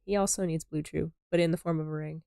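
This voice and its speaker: A woman's voice: low-pitched, fairly even intonation, fast talker, creaky, mellow, clear, resonant tone, no room sound, studio quality. A playfully skeptical woman co-host. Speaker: gaming streamer co-host. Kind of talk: casual chat while playing.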